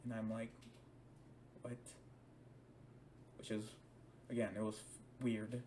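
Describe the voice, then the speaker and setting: A man's voice: fairly low pitch, monotone, normal speed, dark tone, far from the mic, slight background noise. A young man telling a personal story to the camera, hesitant, with frequent restarts and repeated words. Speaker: DJ and stage performer. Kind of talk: personal account told to camera.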